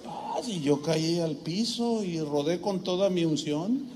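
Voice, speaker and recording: A man with a Mexican accent, a pastor preaching a sermon in church, telling a personal story in an animated way with humorous asides. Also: fairly high pitch, measured pace, heavy background noise.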